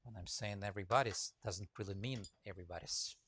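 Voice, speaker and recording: Fairly low-pitched and sharp-toned, a Russian-accented man talks quickly over a little hiss or hum. He is a woodcarving teacher on a casual live stream, rambling with lots of fillers, greeting viewers by name, and reading comments aloud.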